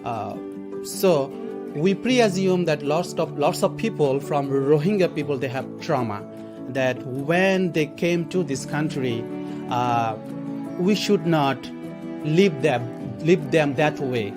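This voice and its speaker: A man from Bangladesh who works for a literacy program, speaking earnestly in an interview and often restarting his phrases. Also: fairly high pitch. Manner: earnest, explanatory, with halting restarts. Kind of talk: documentary interview segment. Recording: interview over background guitar music.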